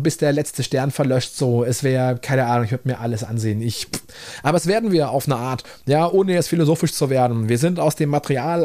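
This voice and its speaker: A man's voice: fairly high pitch, dark tone. A man hosting a podcast, rambling enthusiastically in slangy, casual talk with many restarts. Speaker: podcast host. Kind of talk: casual storytelling monologue.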